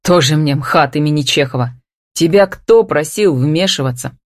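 A woman's voice: low-pitched, moderate pace, no room sound, clean studio sound, lightly acted. A woman narrator voicing an angry, bossy older brother who barks orders. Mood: irate. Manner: shouting, bossy.

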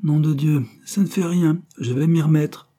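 A man voicing an anguished male painter who speaks in broken, passionate outbursts, in a dark, husky voice. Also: medium pitch, measured pace. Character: anguished male painter, despairing over his canvas.

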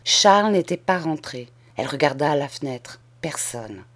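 A woman reading a classic French children's novel aloud in clear, measured narration. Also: sits low, lively intonation, soft background music. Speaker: audiobook reader. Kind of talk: storybook narration.

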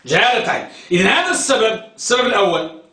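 Male lecturer, high voice, heard from a distance in a roomy classroom, quizzes and repeats terms. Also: sing-song, fast, bright, forceful tone. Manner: questioning, repeats key terms, tells students to focus. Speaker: teacher of hadith terminology. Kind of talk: classroom lecture with questions to students.

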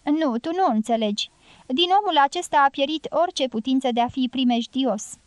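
A woman reading an audiobook, voicing a loud, blunt, domineering middle-aged guerrilla woman in a raised, forceful voice. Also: high voice, dry recording, natural voice. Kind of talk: audiobook character voice.

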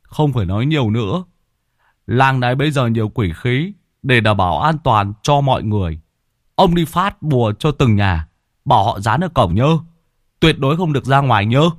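A man voicing a gruff, blunt middle-aged exorcist giving firm orders. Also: medium pitch, expressive, moderate pace, no room sound, studio quality, close to an everyday voice. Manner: firm, commanding.

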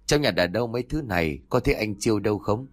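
A man voices an anxious older village mother who fires off questions. The voice stays close to his own lowish, lively tone. It is a figure in a spoken horror tale. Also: fast talker.

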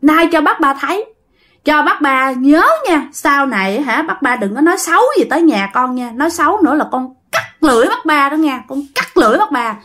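A woman's voice: high-pitched, lively intonation, fairly quick, fairly bright tone, pitched above the performer's own voice. A woman with a Southern Vietnamese accent voicing the ghost of a young girl who pleads and then threatens, repeating herself. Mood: threatening.

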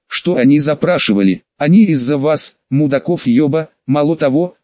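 A man's voice: a little high, dry recording, natural voice. An audiobook reader voicing a furious older male base commander who swears and snarls. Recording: dry, slightly dull audiobook recording.

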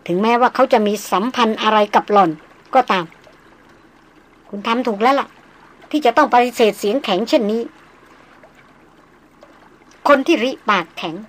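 A woman reading as a self-assured noble lady doctor, measured, unhurried, fairly high voice. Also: a bit bright. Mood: teasing. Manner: slow, measured, deliberate. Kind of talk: audiobook character reading.

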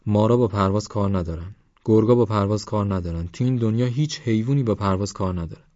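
A man's voice: fairly low pitch, dry recording, natural voice. A man voicing a reckless, playful young villager who brags about catching snakes, in a dull, dry recording. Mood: boastful. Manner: playful, boastful, excitable.

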